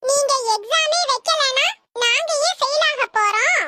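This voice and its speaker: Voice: very high voice, measured pace, pushed and bright, a little hiss or hum, full character voice. A performer voicing a cheeky wisecracking schoolboy who talks back to his teacher in a comedy cartoon.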